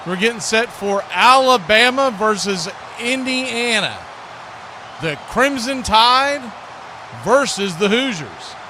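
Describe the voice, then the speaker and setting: Speaking slowly with a very high pitch and lively inflection, a man calls a game live and talks to his audience in a folksy, easygoing style as stream host and announcer. Background ambience makes the live feed clearly noisy.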